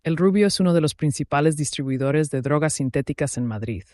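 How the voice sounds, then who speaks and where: A man voicing a firm, professional middle-aged police inspector in an audio story, giving brisk commands. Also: fairly high pitch, lively intonation, darkish tone, no echo, clean studio sound, natural voice. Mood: urgent, professional.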